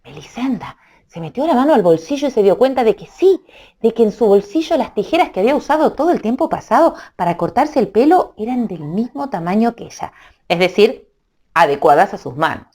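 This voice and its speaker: A woman narrating a children's storybook in an animated, playful way, adding sound effects. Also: a little high, a little fast.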